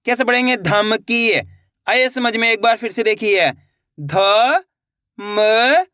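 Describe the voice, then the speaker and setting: A man's voice: very high voice, pushed and bright, clean tone, no room sound, studio quality. A man teaching Hindi reading, sounding out each letter and then blending it into the whole word, and encouraging viewers as friends. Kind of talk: slow syllable-by-syllable reading lesson.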